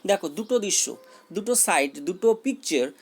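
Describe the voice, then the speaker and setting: Gravelly-voiced male teacher explaining a poem. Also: sits high, lively intonation, moderate pace. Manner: repeats key words, mixes English terms into explanation. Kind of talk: explaining an English poem to students.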